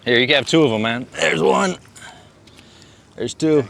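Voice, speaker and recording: This man has a mid-range, gravelly voice that's a bit bright, speaking at normal speed. He's a vlogger riding a bike through the city, chatting casually to camera in a laid-back, talkative way and saying "dude" a lot.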